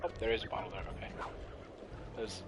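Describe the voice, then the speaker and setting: A man's voice: lowish voice, fairly even intonation, fast. A man casually commenting to himself while playing a video game, swearing now and then. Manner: muttering to himself, swearing at times. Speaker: gameplay streamer. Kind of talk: casual let's play commentary. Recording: loud game music behind.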